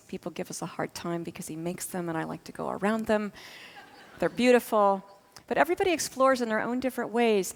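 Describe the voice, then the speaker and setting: A woman's voice: mid-range voice, creaky. Woman astronaut from massachusetts chatting thru her slides on stage, lots of uh's, long hall echo. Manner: warm, chatty, with frequent fillers and restarts. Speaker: astronaut, conference speaker. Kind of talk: conference talk with slides. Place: conference stage. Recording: long hall reverb in a conference room.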